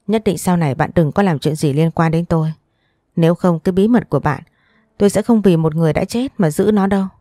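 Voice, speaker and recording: A woman's voice: sits low, dry recording, studio quality. Woman doing a cold spiteful schoolgirl. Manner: flat and coldly accusing. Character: cold, spiteful teenage girl classmate.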